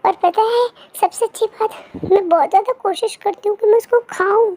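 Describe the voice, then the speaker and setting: A woman's voice: very high voice, a little fast, mellow. A woman voicing a chatty, cheerful baby girl who narrates her own day in a cutesy vlog, talking playfully straight to the viewers.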